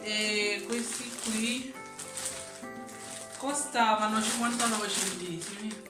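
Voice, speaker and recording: A woman's voice: mid-range voice, steady tone, takes it slowly. A woman still getting over the flu, casually presenting a grocery haul item by item. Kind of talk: casual item-by-item shopping narration. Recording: roomy echo, distant mic, music behind. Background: music.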